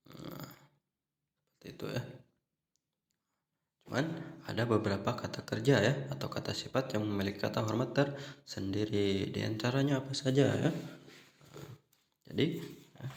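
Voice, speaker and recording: A man's voice: on the low side, vocal fry, echoey room, a little hiss or hum. A man explaining grammar patiently, step by step, as a language teacher, with a constant "ya" and "nah". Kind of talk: explanatory online lesson.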